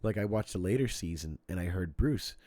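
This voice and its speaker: This deep-voiced man talks briskly with no echo, co-hosting a laid-back podcast from a desk mic set up with cameras. He rambles, swears, and tells stories with lots of energy while clicking through things.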